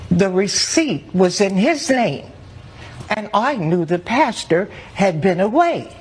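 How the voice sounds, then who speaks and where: A middle-aged woman giving courtroom testimony as a witness, speaking in a formal, deliberate, indignant manner. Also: medium pitch, animated, a little hiss or hum. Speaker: court witness, church secretary.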